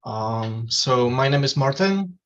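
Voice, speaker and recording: A man, from the Republic, presenting his student web project in a live online demo, speaking hesitantly with many pauses. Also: mid-range voice, animated. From Czech Republic. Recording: dull lo-fi microphone.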